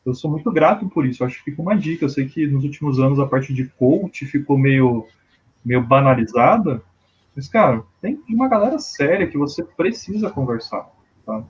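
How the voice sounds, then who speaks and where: A Brazilian man with a Brazilian Portuguese accent, a podcast guest chatting casually and relaxed, often saying "cara". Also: mid-range voice, normal speed, slightly rough, lo-fi sound. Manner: relaxed, filler-heavy, says "cara" often.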